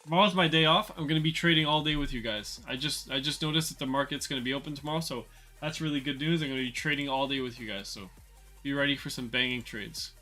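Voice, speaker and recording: A man's voice: medium pitch, fast talker, bright, forceful tone, soft background music. A man hosting a casual trading livestream, chatting loosely and answering viewers with fillers and repeated words. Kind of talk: casual livestream market commentary.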